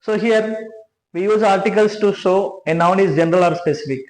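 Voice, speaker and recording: A man's voice: high voice, fairly quick, a little mellow. A man teaching grammar, explaining step by step with many restarts and frequent checks of "right?". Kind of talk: classroom grammar lesson. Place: classroom with a board. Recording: echoey room.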